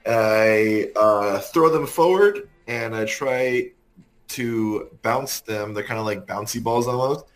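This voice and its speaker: A man playing a tabletop role-playing game, describing his character's actions haltingly with many pauses and fillers. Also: lowish voice. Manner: hesitant, full of ums, describes actions slowly. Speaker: player.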